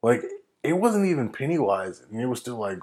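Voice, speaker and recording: A man from the United States in a casual movie discussion, talking in an animated way and acting out reactions. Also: mid-range voice, fairly quick, over a noisy crowd. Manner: animated, acts out reactions in quoted voices.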